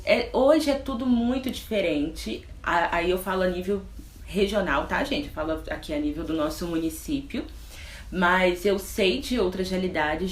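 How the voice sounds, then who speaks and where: A woman's voice: mid-range voice, reverberant. A Brazilian woman, a nurse hosting the interview, explains her views earnestly and addresses her audience directly. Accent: Brazilian Portuguese. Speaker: nurse and host.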